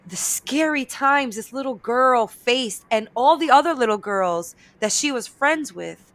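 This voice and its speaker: New lady guesting on a podcast, talks a lot, lively, tosses in spanish words, bit high voice. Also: measured pace, no echo. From New York, of Dominican and Eastern European roots. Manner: animated, talkative, sprinkles Spanish words. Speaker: guest, comedian and voice actor. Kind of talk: casual podcast interview.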